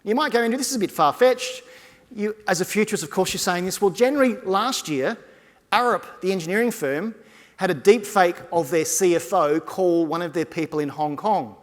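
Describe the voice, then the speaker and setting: A man delivering a conference keynote as a speaker, talking to the audience in an energetic, conversational way. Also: high voice, moderate pace. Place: large conference hall stage. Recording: long hall reverb from a conference stage.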